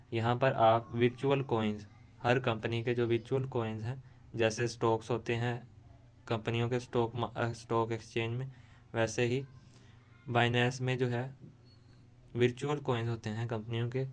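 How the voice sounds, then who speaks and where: Tutorial host, male. Smooth, even delivery, explains step by step and often restarts phrases. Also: medium pitch. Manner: steady explaining with frequent restarts. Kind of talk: screen-recorded tutorial.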